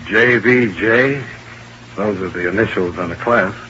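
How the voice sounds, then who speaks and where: Johnny Dollar, a deep-voiced radio detective. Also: male voice, unhurried. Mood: cold. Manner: terse, clipped first-person narration. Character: hard-boiled male private investigator. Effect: old-time radio broadcast. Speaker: insurance investigator and narrator. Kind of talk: 1950s radio drama acting. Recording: muffled vintage radio broadcast with hiss.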